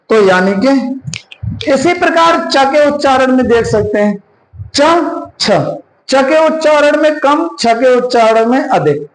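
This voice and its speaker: A male teacher giving an exam-prep lesson. He asks questions and answers them himself, and repeats key terms and sounds slowly. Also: very high voice, echoey room, rough recording.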